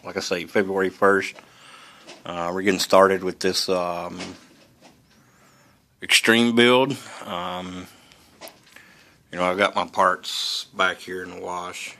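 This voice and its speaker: Low voiced guy, folksy hillbilly talk, kinda bright edge, casual hobby vlog. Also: steady tone, takes it slowly, long pauses. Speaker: hobbyist host of model-building videos. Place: indoors at a hobby workbench.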